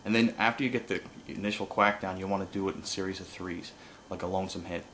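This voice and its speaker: A man giving an informal hands-on tutorial as an instructor, explaining haltingly with pauses and no script. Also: low-pitched, fairly even intonation, fairly bright tone, a little hiss or hum. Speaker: duck-calling instructor.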